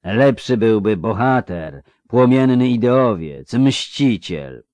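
A man's voice: lowish voice, lively intonation, a little mellow, dry recording. A man reading an audiobook, voicing a haughty nobleman conspirator who drags out his syllables. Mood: sneering. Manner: drawn-out syllables. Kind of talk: audiobook character voice.

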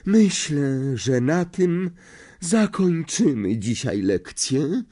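A man's voice: very animated, dark tone, heavily acted. A man voicing a dreamy, theatrical older female seer teacher in an audiobook, in a misty, quavering voice that drags out words melodramatically. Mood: languid. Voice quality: misty, quavering, swooping high voice. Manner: slow, melodramatic, drawn-out words. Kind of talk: audiobook character voice.

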